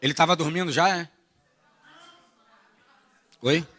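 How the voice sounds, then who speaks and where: A Brazilian pastor with a Rio de Janeiro accent preaches at a church retreat, animated and full of jokes, swinging from soft asides to shouted bursts. His voice is fairly high and his pace is slow.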